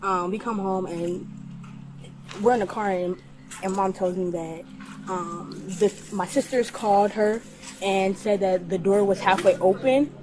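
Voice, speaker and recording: A woman's voice: mid-range voice, steady tone, measured pace, a little hiss or hum. A young woman recounting to police what happened at home, hesitant and full of restarts. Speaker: daughter telling her account.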